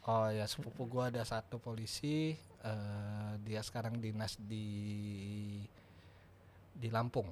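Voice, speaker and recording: A man in his thirties, a stand-up comedian co-hosting a comedy podcast, firing back quick mock-indignant comebacks on a studio boom mic. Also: fairly even intonation, a little mellow, slight background noise. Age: 30s. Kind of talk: casual comedy podcast banter. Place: small studio, indoors. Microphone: headset with boom mic.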